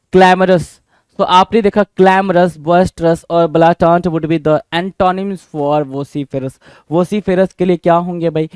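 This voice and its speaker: High-voiced animated male vocabulary teacher. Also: clear, resonant tone, no room sound, clean studio sound. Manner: animated, repeats words with quiz-like questions. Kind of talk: Hinglish vocabulary lesson.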